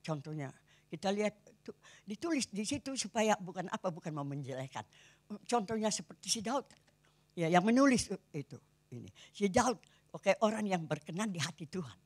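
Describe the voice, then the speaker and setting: An elderly woman pastor in her eighties with a Kupang Malay accent, preaching a sermon. Her voice is husky and a little breathy, and her pitch rises and falls in a very lively way. She talks conversationally and keeps turning to the congregation with rhetorical questions. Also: normal speed. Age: 80s.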